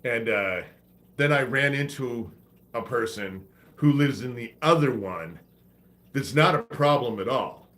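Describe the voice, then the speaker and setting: With a congested head cold, a man hosts a live stream, his talk loose, rambling and profane. His mid-range voice is animated and a bit bright, and his pace runs a little slow.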